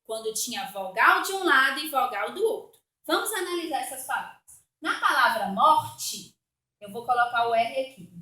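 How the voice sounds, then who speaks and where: A Brazilian woman teacher with a bright, high voice gives a spelling lesson for children. She is patient, goes slowly and repeats each word to explain it. The room around her is echoey. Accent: Brazilian Portuguese.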